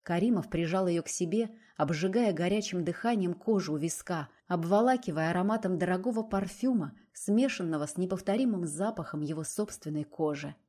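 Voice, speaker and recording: Mellow low-voiced woman narrating a novel. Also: fairly quick, few pauses. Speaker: audiobook narrator. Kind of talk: scripted romance narration.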